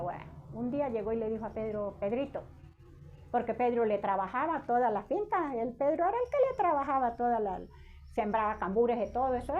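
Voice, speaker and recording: A woman's voice: medium pitch, darkish tone, dull audio. A woman telling family stories in an interview, animatedly acting out her relatives' voices as she quotes them. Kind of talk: personal storytelling.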